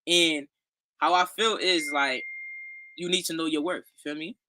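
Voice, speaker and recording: Young rapper, bright tone. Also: male voice, fairly high pitch, fairly even intonation, moderate pace, slight background noise, rough recording. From Brooklyn, New York. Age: young adult. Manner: keeps adding "you feel me". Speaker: guest rapper. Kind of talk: casual interview chat.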